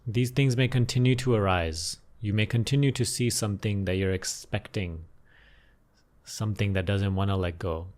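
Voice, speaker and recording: A man with a fairly low voice leads an unscripted guided meditation as a teacher. His instructions are gentle and unhurried, with pauses and repeated phrases.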